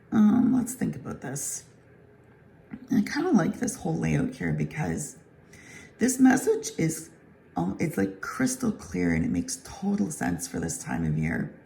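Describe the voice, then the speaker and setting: Female tarot host, hoarse and grating, heavily croaky, slightly muted tone, casually explaining to viewers. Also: on the low side, mellow. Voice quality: grating, croaky voice that breaks into breathiness. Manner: conversational, explanatory. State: hoarse from laryngitis. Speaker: tarot reader hosting a weekly reading. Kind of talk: casual scripted-feeling tarot reading to viewers.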